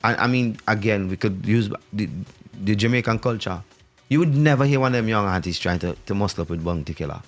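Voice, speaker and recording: Here a Vincentian talk show guest from St Vincent, in the Caribbean, offers emphatic opinions in casual, animated conversation, pressing his point by repeating phrases. His voice is on the low side and his pace is brisk. Soft music plays in the background.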